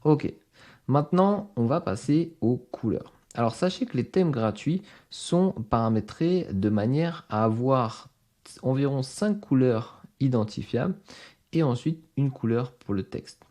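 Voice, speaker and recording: A man walking viewers step by step through a software screen-recording tutorial as instructor, explaining each setting directly to them. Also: mid-range voice, animated, a little slow. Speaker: online course instructor.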